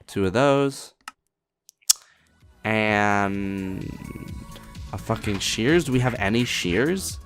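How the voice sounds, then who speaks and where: A man hosting a video game let's play, commenting in a profane, excitable and jokey way. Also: on the low side, very slow, long pauses, faint music behind.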